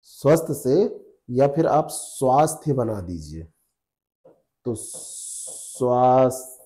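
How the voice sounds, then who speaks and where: A man's voice: mid-range voice, sing-song, measured pace, warm tone. A man teaching spelling rules to exam students, repeating each rule patiently and checking with the class. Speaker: Hindi exam tutor.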